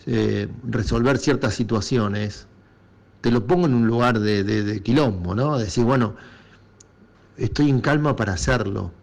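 A man with an Argentine Rioplatense accent hosting a casual reflective monologue, speaking encouragingly straight to his listeners. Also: mid-range voice. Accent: Argentine Rioplatense Spanish.

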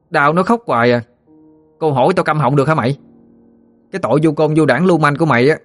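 A man's voice: fairly high pitch, fairly bright tone, voice pushed up, close to an everyday voice. A man voicing a timid schoolboy who speaks up indignantly. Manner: indignant, rapid accusing. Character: timid boy turned suddenly brave.

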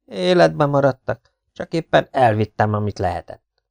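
A jittery partisan who yelps warnings and pleads nervously, as a male audiobook reader puts him on. His voice rides high and strained above the reader's own. The recording is close and dry. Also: expressive, vocal fry, dry recording. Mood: reluctant. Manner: high, anxious, shouting warnings. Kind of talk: audiobook character voice.

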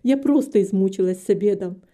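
A woman's voice: a little high, animated, moderate pace, dark tone, natural voice. A woman reading a storybook aloud, voicing a flustered, overworked middle-aged housekeeper who frets and complains. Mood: fretful. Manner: fretful, complaining, sighing.

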